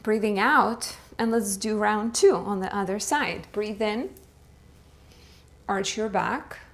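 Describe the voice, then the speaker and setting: A young woman teaching a beginner yoga class, calmly cueing each breath and pose and encouraging the students between rounds. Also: medium pitch. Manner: slow, calm cueing of breath and poses. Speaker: yoga instructor. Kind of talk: guided yoga class instruction.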